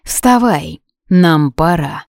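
A woman's voice: deep voice, animated, very slow, creaky, darkish tone, dry recording, clean studio sound, exaggerated voice. A woman voicing an arrogant young king who gives clipped, domineering orders in an audiobook reading. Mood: commanding.

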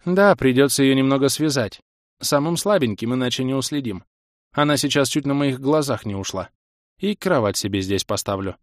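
Worried caring young woman voiced by a guy, a bit higher, dry close sound. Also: expressive, moderate pace, dry recording, close to an everyday voice. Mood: urgent. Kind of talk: audiobook character voice.

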